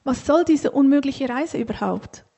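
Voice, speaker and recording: A woman voicing a grumpy, tired camel that grumbles and complains in a whiny, drawn-out way for a storybook. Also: on the high side, dark tone, breathy edge. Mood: grumbling.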